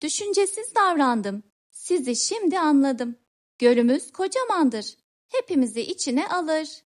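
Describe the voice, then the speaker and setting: Squeaky worried little frog in a kids' story, very high and slow. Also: female voice, very animated. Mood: sheepish. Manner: shrill croaking cries. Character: young frog, fretful and easily alarmed.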